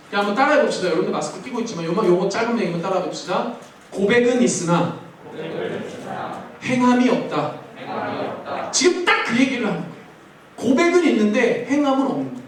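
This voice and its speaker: A man, a youth pastor, preaching a sermon to teenagers in a playful way, asking them questions and answering them himself. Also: extremely high pitch. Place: large church hall. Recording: very echoey hall, mic far off, faint room noise.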